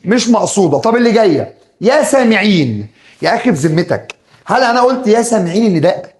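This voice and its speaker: A man's voice: sits high, sing-song, quick pace, darkish tone. A man with an Egyptian accent teaching Arabic grammar, drilling rules over and over and acting out his students' questions. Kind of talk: classroom grammar lesson.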